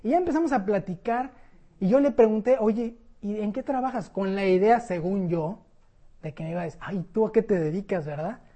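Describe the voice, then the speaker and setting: Husky-voiced woman preaching. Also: mid-range voice, fairly quick. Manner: conversational, animated storytelling. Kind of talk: sermon.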